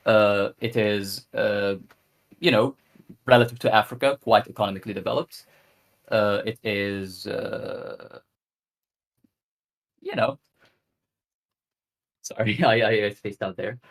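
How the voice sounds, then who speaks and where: Earnest low-voiced caller from Egypt. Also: male voice, steady tone, slow pace, creaky, long pauses. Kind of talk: casual call-in discussion.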